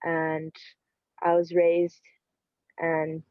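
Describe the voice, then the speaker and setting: A woman from Indonesia co-hosting over a video call, her voice fairly low and very even in pitch. The audio sounds dull and dry, and she speaks in a plain, slightly halting way. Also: no room sound. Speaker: co-host. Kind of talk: casual self-introduction over a video call.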